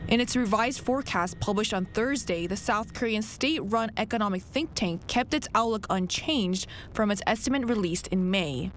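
A woman news reporter delivering a scripted report in a steady, deliberate way. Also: medium pitch. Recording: faint background noise.

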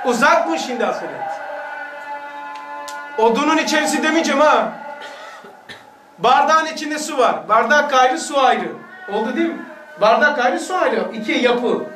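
High-pitched male religious teacher, preaching with rhetorical questions, far from the mic. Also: lively intonation, normal speed, long pauses, bright, forceful tone, reverberant, faint music behind. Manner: exhorting, rhetorical questions to listeners. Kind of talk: religious lesson.

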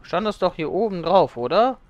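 A man livestreaming a game as a vtuber, chatting casually and thinking out loud as he plays. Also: sits high, big pitch swings, normal speed. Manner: vtuber-style streaming chatter, thinking aloud. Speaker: livestreamer playing a zombie game. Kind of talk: casual German let's play commentary.

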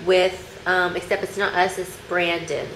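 A woman's voice: lowish voice, level tone, unhurried. A woman in her twenties chatting casually as she hosts and keeps count in a home challenge video. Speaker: challenge host keeping count. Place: living room, indoors. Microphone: camera a step or two away. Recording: echoey, noisy living room.

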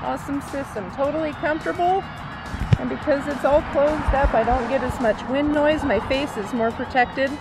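A woman with a bright, high-pitched voice gives an upbeat, chatty motorcycle gear demo while wearing a full-face helmet. She talks straight to viewers outdoors near vehicles. Loud music plays behind her. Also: normal speed, poor audio. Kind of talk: casual product demonstration. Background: loud background music.

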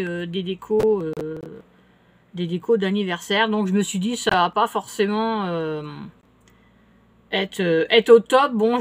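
A middle-aged woman, chatting casually at home as she answers her viewers' comments, rambling with many fillers and restarts. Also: medium pitch. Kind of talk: casual chat. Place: home, indoors.

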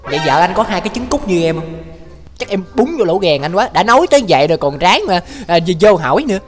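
A man's voice: high voice, sing-song, fast, soft background music. A man chatting on a livestream as he reads out viewer comments, ranting in a brash, crude, mock-exasperated way. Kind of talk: casual livestream chat.

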